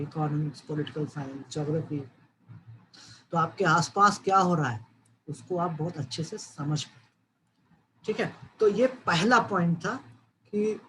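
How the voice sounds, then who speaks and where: A man's voice: high voice, fairly bright tone, a little hiss or hum, poor audio. A man from Uttar Pradesh giving an online social science lecture, explaining step by step and often checking that listeners follow. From Uttar Pradesh, India. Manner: dry asides, jokes then says not to take it seriously.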